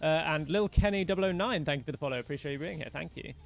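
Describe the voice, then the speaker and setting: Talking very fast in a fairly high, creaky voice, a young man streams a game live while losing his voice. He chats loosely with viewers in a rambling way, naming and thanking followers as he plays.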